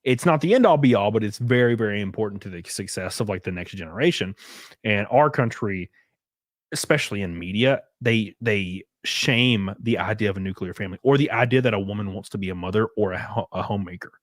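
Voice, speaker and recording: A man's voice: lowish voice, brisk, dry recording, studio quality. A man hosting a casual podcast chat, rambling and ranting with lots of filler words. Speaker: host.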